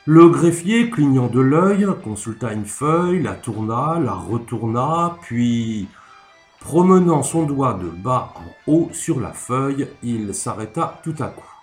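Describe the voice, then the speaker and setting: A man reads a classic tale aloud, measured and expressive, his pitch rising and falling freely. The voice sits in an echoey room, with faint instrumental music beneath it. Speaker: narrator. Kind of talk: literary reading.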